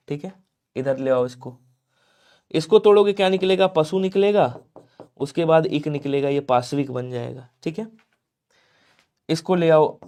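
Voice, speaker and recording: A man with a fairly high voice teaches an exam-prep Hindi lesson. He chants example sentences and answers for his students in an animated way, checking in with quick tag questions as he goes. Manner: talks to viewers directly with tag questions.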